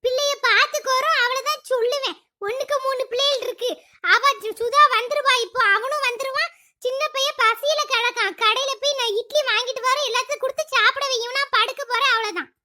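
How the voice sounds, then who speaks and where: A woman's voice: very high voice, steady tone, brisk, sharp tone, exaggerated voice. A woman voicing a sick, self-pitying village mother of three in a cartoon, whiny and fretful. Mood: indignant. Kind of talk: cartoon voice acting.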